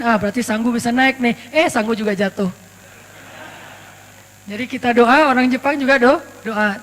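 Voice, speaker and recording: Chatty preacher guy from aceh, really high voice, echoey hall, some hum. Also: a bit bright. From Aceh, Indonesia. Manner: chatty, storytelling, joking asides. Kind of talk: casual sermon. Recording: reverberant hall with mains hum.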